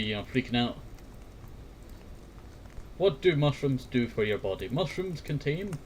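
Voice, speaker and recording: A mid-range male voice rambles in a noticeably noisy recording. He hosts a fireside talk series, and his casual chat meanders, repeats words and verbal tags, and includes some reading aloud.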